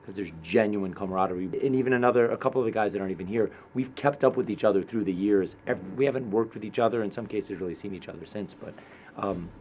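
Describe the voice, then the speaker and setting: A male filmmaker in an interview, speaking quickly and reflectively. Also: lowish voice, darkish tone, slight background noise.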